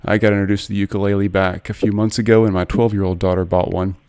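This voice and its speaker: A man's voice: fairly low pitch, flat delivery, fast, a little mellow, clean tone, no echo. A man in his forties hosting a podcast interview, speaking in an earnest, personal and eager way. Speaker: podcast host.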